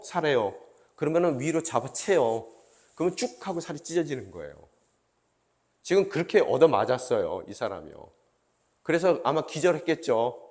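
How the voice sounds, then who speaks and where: A male pastor delivers a sermon with a voice of middling pitch. He tells his story with animation and keeps asking his listeners questions as he goes. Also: a little mellow.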